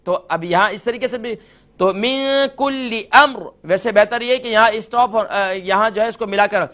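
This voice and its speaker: A man with a Pakistani Urdu accent teaching tajweed, slowly modelling each word before explaining the pronunciation rules. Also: high voice, steady tone, a bit bright. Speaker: Quran recitation teacher.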